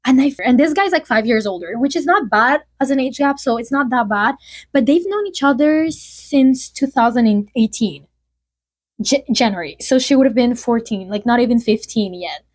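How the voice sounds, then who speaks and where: A woman's voice: on the high side, lively intonation, moderate pace. Chatty young woman spilling gossip. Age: early 20s. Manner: chatty, filler-heavy, lots of "like". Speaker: vlogger. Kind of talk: casual gossip chat.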